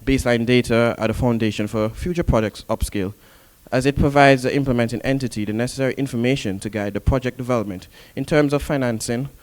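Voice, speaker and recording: A man delivering a talk at a conference, working through his points in an explanatory way. His pitch sits in an ordinary middle range. Parts of the talk are read from prepared notes. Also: fairly even intonation, quick pace, few pauses, a little mellow. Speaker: conference presenter. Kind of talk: conference presentation. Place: conference hall.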